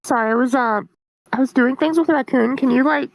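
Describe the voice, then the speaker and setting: High-pitched, chatty woman player. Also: a little fast, vocal fry, no room sound. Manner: chatty, profane, complaining. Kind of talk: casual chat during a tabletop game. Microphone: mobile on a voice call.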